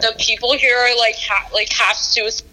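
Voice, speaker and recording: Bright young woman on speakerphone. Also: fairly high pitch, flat delivery, normal speed, slight background noise, poor audio. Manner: rambling, filler-heavy with "like". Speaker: host's daughter calling in. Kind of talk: casual phone chat.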